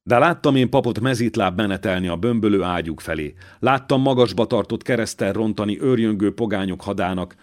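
Brief: gruff old man, deep and slow-spoken, fatherly and weighty, read by a male narrator. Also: close to an everyday voice. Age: older. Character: wounded old man, former royal servant, gruff, fatherly.

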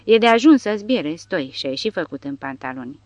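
A woman voicing a sharp, acid-tongued male soldier in an audiobook. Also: low voice, sing-song, dry recording. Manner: acid, cutting remarks.

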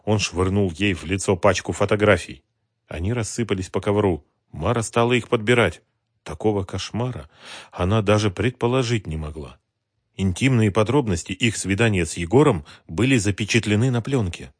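A man narrating an audiobook in a calm, expressive reading. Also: lowish voice, moderate pace, slightly rough, dry recording, clean studio sound. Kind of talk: scripted narration.

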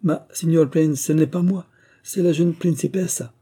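A man voicing an honest, flustered male Italian gardener who is excitable and mixes in Italian words. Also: on the high side, normal speed, breathy edge, voice pushed up.

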